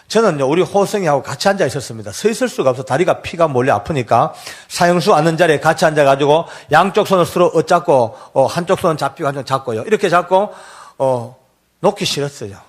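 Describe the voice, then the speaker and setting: A man's voice: lively intonation, fast talker. Earnest older man giving a testimony. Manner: earnest, deeply emotional storytelling. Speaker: church elder giving testimony. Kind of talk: emotional testimony sermon.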